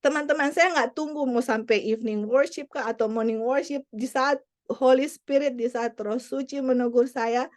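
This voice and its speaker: An adult woman who is a parent preaches a sermon earnestly, repeating key points and mixing English phrases into her teaching. Her high-pitched voice holds fairly even intonation at a moderate pace.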